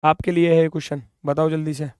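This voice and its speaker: A man teaching reasoning in an online exam-prep class, brisk and coaxing, sometimes scolding students playfully, speaking English with an Indian accent. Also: a little high, little pitch movement, darkish tone, smooth, no echo, clean studio sound.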